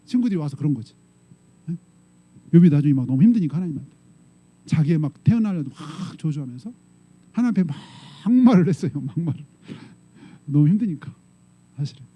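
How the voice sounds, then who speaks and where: A male pastor preaching a sermon in a conversational style, often pausing to prompt the congregation with short questions. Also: fairly high pitch, animated, breathy edge, highs cut off. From South Korea.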